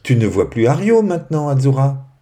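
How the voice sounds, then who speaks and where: A man voicing a kind, gentle female fairy in a children's bedtime story, speaking softly and reassuringly. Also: medium pitch, sing-song, brisk, pitched above the performer's own voice, lightly acted. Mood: explaining.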